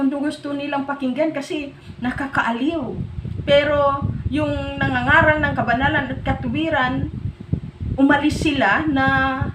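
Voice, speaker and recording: High-voiced woman preaching in an echoey room. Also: a bit bright, a little hiss or hum. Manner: earnest preaching, mixing in English phrases. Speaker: pastor. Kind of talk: sermon.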